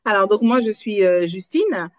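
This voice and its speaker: Brief: woman in her fifties from Guadeloupe, interview guest, middle pitch, halting and pausing as she answers. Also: animated. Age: 50s. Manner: halting, searching for words between pauses. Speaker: guest, night nurse.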